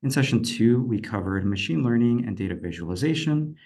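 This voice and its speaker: A young man, a PhD candidate, presenting an online lecture in a steady, explanatory way. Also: mid-range voice, a little fast. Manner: steady, explanatory, occasional fillers.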